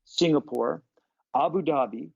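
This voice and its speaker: In a relaxed podcast interview, an American business school professor thinks through ideas at a measured pace, restarting frequently and using many fillers. His voice is a little high, gravelly and husky, and the audio is dull with no room sound.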